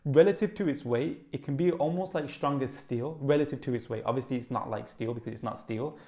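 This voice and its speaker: A young wellness YouTuber with a Birmingham (Brummie) accent and a mid-range voice talks to camera in a casual vlog. He speaks fast, excited and animated, filling his sentences with "like."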